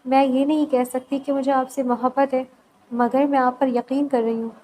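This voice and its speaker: A woman's voice: sits high, flat delivery, mellow, slight background noise, lightly acted. A woman reading aloud the lines of a wary young wife in a novel, guarded and direct.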